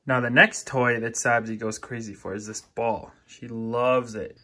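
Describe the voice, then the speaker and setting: A man hosting a casual vlog in the reptile room of his home, talking affectionately to his lizards as he feeds them, with excited exclamations. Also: mid-range voice, unhurried. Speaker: reptile keeper and channel host. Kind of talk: casual vlog narration while feeding pets.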